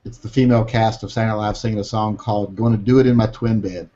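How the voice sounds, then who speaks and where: A man's voice: on the low side, fairly even intonation, quick pace, dark tone, lo-fi sound. A man co-hosting a casual chat, telling stories in a snarky, profane way. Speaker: podcast co-host.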